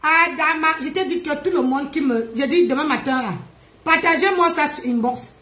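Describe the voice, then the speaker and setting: A woman, ranting and mocking on a live stream, loud, laughing and teasing. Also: high voice, moderate pace. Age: 50s. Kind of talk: Facebook live rant. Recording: echoey room.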